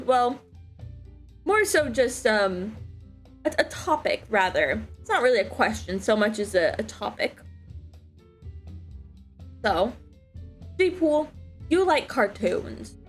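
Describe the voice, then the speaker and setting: A woman's voice: a little high, sing-song, slow pace, pauses often, husky, soft background music. A young woman hosting a casual podcast chat, giggling often between her words. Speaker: podcast host.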